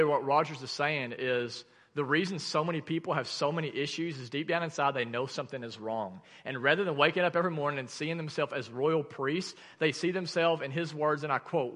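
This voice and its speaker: Bright-voiced Arkansan man preaching in a reverberant hall. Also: a little high. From Arkansas, United States. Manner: emphatic, with dramatic drops and pauses. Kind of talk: sermon to a congregation. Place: large room, preaching to a congregation. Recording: long reverb of a large room.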